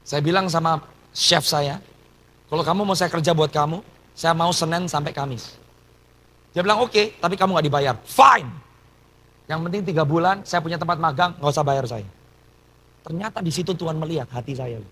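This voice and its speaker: Brief: male pastor from Surabaya, Surabaya Indonesian accent, fairly high husky voice, storytelling sermon with English asides. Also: brisk, fairly bright tone, low-quality recording. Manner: storytelling, mixing in English phrases. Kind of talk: sermon testimony.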